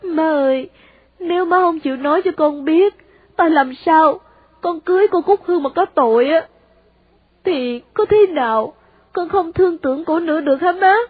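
A woman's voice: extremely high pitch, normal speed, no room sound, phone-quality sound, voice pushed up. A woman with a Southern Vietnamese accent voicing a heartbroken young man who tearfully questions his mother. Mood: pleading.

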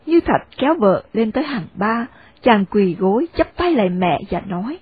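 A woman narrating a story in steady audiobook style. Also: medium pitch, normal speed, breathy edge. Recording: dry, phone-like narrow sound.

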